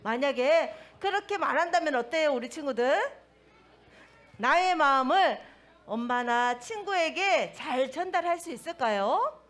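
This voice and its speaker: A woman's voice: high-pitched, animated, unhurried, fairly bright tone. A woman giving a sermon to toddlers in a sing-song way, asking the children questions. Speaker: children's pastor.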